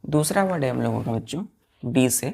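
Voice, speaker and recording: A woman's voice: rumbling low, lively intonation, brisk, gravelly, warm tone, husky. A woman teaching English vocabulary to children, spelling each word letter by letter and repeatedly asking them to say it back. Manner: mixes Hindi explanations with English words. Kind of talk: classroom-style vocabulary lesson.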